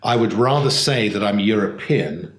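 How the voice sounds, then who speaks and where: A man's voice: lowish voice, normal speed. A British man in a political panel discussion, speaking with many fillers and restarts. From Britain. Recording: echoey room, faint noise.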